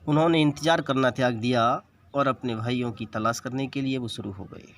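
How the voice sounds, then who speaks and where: Speaking a little fast in a mid-range voice, a man explains an English text in a bilingual classroom setting. He reads the lines in an Indian accent and patiently breaks down each word.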